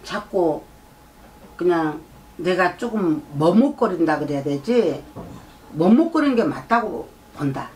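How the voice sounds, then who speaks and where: Lecturing repetitively and often prompting "eh?", a middle-aged shaman woman delivers a fortune-telling consultation. Her low, darkish voice has lively intonation and a measured pace, with slight background noise. The setting is a shrine room with a folding screen and drum, captured by a far camera as a distant mic with faint room ambience.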